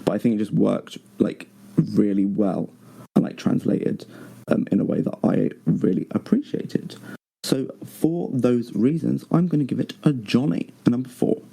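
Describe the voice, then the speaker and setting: Gravelly, husky-voiced man. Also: medium pitch, moderate pace. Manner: loose, relaxed talk full of "like" fillers. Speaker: podcast co-host. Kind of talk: casual podcast chat about music.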